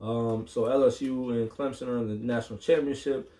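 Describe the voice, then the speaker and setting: This is a man chatting about football on a casual sports show. He talks frankly and a little haltingly, often pausing on an um, with a mid-range voice and a blunt curse now and then. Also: mid-range voice, fairly even intonation, crowd noise. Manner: frank, hesitant with many ums, mildly profane. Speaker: sports talk host.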